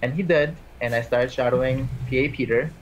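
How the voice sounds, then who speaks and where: A PA school applicant in his twenties, Armenian by birth, talks fairly quickly as an interview guest in a mid-range voice. He's casual and rambling, with frequent "like"s and restarts. The highs are cut off in the recording, and there's a little hiss or hum.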